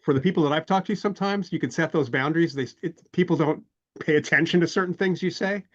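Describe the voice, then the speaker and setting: A man hosting an interview podcast in a measured way, trading anecdotes and leading into long questions. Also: fairly high pitch, highs cut off. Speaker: host.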